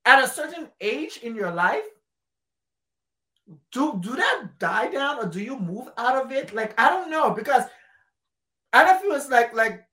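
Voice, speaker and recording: A woman from Liberia in casual conversation, animated and emphatic, repeating phrases to drive a point home. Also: high-pitched, measured pace, pauses often. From Liberia, West Africa. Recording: roomy echo.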